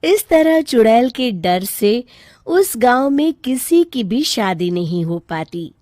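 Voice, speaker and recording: A woman's voice: a little high, sing-song, takes it slowly, dark tone, no echo, clean studio sound. A woman narrating a scripted story as its storyteller.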